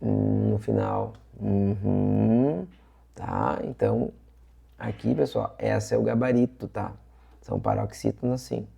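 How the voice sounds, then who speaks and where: A man's voice: lowish voice, fairly even intonation, takes it slowly, gravelly, warm tone, husky. A man teaching an exam-review lesson in a chatty way, repeating points and checking in with his students. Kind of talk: casual online lesson.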